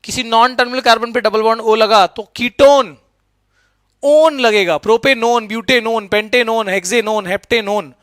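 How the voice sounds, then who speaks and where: Middle-aged guy teaching chem, high bright voice, keeps asking "right?", dry close sound. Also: fairly even intonation, moderate pace, no echo. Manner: mixes English terms into Hindi. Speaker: chemistry teacher. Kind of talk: explanatory classroom lecture.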